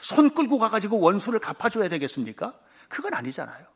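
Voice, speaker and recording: A male pastor preaching a sermon in a church, swinging between loud cries and hushed whispers and acting out voices in his stories. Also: high voice, wildly swooping pitch, fast, gravelly, breathy edge. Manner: acts out quoted voices in stories. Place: church sanctuary.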